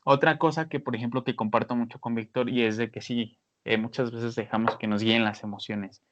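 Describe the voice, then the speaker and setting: Animated man, lo-fi podcast. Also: mid-range voice, fairly quick, background noise. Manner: animated, many fillers, acts out scolding voices. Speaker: podcast panelist. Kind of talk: casual podcast advice talk. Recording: dull lo-fi sound.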